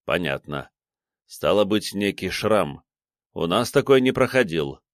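A man plays a commanding major speaking in a brisk, matter-of-fact way. The voice sits low with lively intonation and a dry, close sound. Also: no echo. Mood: businesslike. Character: businesslike male major, commanding officer.

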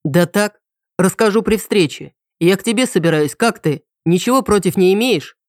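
A woman's voice: mid-range voice, lively intonation, normal speed, a little mellow, dry recording, studio quality, lightly acted. A woman reading an audiobook, voicing a wry, weary male police detective who teases dryly and turns grave. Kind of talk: audiobook character voice.

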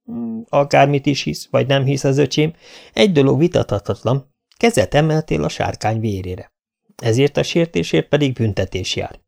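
Egy férfi, aki egy nyugodt, komoly trónörököst szólaltat meg, megfontoltan érvelve. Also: male voice, mid-range voice, animated, vocal fry, darkish tone. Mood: grave. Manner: measured, reasoning. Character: calm, grave royal prince, heir.

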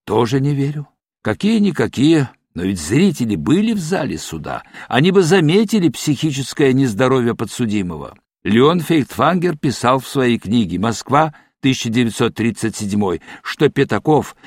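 A man narrating a novel as an audiobook, in an expressive, brooding manner. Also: mid-range voice, husky, no room sound, studio quality.

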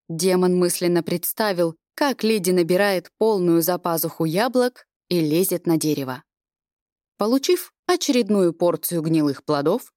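A woman reads a fantasy story aloud at mid pitch, measured and expressive. The recording is dry and close, with no room sound. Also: dry recording. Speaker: audiobook reader. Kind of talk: scripted narration.

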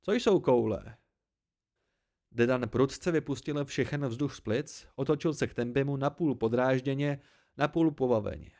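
A man narrating an amateur audiobook in a steady storytelling manner. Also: medium pitch. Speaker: audiobook reader.

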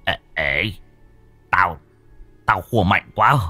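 A man voicing an old ghost shaman grandfather, gruff and commanding, in a ghost story. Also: sits low, expressive, extremely slow, bright, forceful tone, no room sound, faint music behind, full character voice. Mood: dismayed. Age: older.

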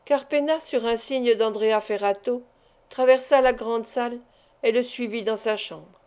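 A woman reading a classic adventure novel aloud in a measured narration. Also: fairly high pitch, a little mellow, smooth. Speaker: audiobook reader. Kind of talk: scripted narration.

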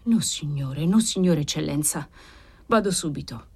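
A woman voicing a timid old male servant, pleading softly and humbly. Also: medium pitch, sing-song, moderate pace. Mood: pleading, humble. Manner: soft, trembling pleading.

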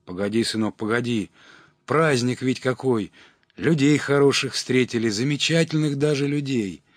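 A man's voice: medium pitch, dry recording, studio quality, pitched above the performer's own voice, natural voice. A man playing a slurring drunk villager. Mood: drunken. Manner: slow drunken drawl. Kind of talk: audiobook character reading.

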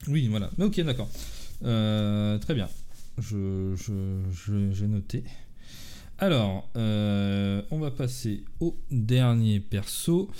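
A man's voice: fairly low pitch, expressive, slow pace, mellow, clean tone. A man acting as game master in a casual role-play session, hesitant and often repeating himself as he thinks.

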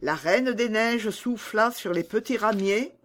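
A woman's voice: mid-range voice, unhurried, voice pushed up, lightly acted. A woman voicing a pair of chatty wood pigeons in a children's storybook reading. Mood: telling. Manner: chatty, breaking into cooing.

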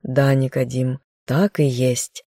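A reserved young count speaks curtly and evenly, never raising his voice, read by a woman narrator. The sound is warm and mellow, dry and close to the mic, as in an audiobook. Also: very deep voice, slow pace, dry recording, voice pushed down, exaggerated voice. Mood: terse. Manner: restrained, even delivery. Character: reserved young male count, calm and curt.

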